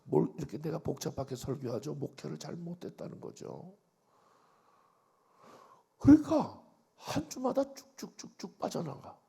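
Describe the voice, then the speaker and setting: An older man preaching a revival sermon as pastor, telling stories and swinging from loud outbursts to hushed asides. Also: a little high, wildly swooping pitch, normal speed, creaky, pauses often, slightly rough. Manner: storytelling, acts out quoted voices, swings from loud to hushed.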